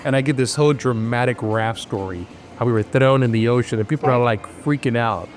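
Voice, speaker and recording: A man's voice: mid-range voice, fairly quick, a little hiss or hum. A man in his fifties, born in Cuba, hosting an interview in a casual, jokey, storytelling way. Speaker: podcast host. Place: restaurant.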